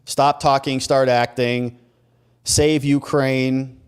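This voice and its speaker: Hosting a casual livestream, this American legal commentator reads viewer messages and responds informally and conversationally, tossing out rhetorical questions. His mid-range voice is smooth with little pitch movement. He takes it slowly.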